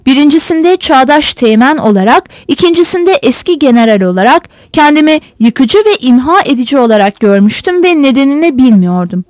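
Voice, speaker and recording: A woman reading a novel aloud as a narrator with expressive storytelling. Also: high voice, brisk, few pauses, no room sound. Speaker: audiobook narrator. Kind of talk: scripted narration.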